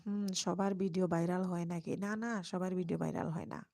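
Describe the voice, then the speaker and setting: A woman hosting a casual live stream, speaking very softly and at times whispering as she reads and answers viewer comments. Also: lowish voice, steady tone, moderate pace, gravelly, dry recording, studio quality. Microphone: microphone.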